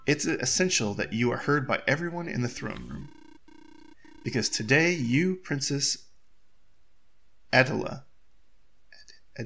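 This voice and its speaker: A man's voice: medium pitch, creaky, a bit bright. A man voicing a formal, dryly teasing king and father in a game. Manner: formal, courtly, mildly teasing. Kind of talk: reading game dialogue aloud.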